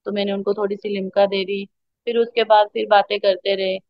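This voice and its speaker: A woman gives a heartfelt personal testimony at a satsang, speaking straight to the congregation with deep feeling. She drops English words into her talk. The recording is dull and muffled, with a dry, close sound. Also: level tone, fairly quick, dry recording. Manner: emotional, addresses the congregation as sangat ji, mixes in English words. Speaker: devotee sharing a testimony.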